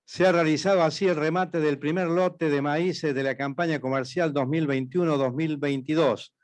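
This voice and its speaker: A man's voice: on the high side, fairly even intonation, normal speed. A man with an Argentine accent making formal announcements as master of ceremonies at an event.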